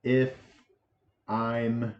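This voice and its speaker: A man's voice: mid-range voice, level tone. Lo-fi lecture voice, twenties man. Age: 20s. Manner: halting, many restarts and fillers. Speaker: math teacher. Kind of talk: casual lecture. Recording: echoey room, dull lo-fi sound, faint hiss.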